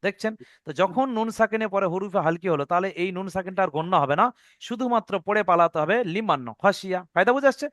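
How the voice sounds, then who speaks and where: A man's voice: high-pitched, fast talker, fairly bright tone, no echo, clean studio sound. A man teaching Quran recitation rules in an online lesson, patiently repeating each rule and checking that his students follow.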